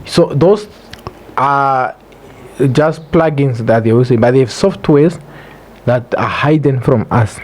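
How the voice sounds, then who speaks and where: A man with a Namibian accent talks as a guest on a podcast. His voice is soft-edged and dark, at an average male pitch. He explains his points earnestly in a conversational way. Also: takes it slowly. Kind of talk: casual explanatory interview talk.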